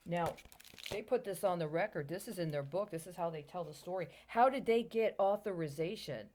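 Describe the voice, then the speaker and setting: A woman with a slightly low voice reads from a book aloud. She stops often to add wry, skeptical asides of her own, then goes back to the text. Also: fairly quick, a little mellow, slight background noise. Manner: wry, skeptical asides between read passages. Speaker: channel host. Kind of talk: reading a book aloud with commentary.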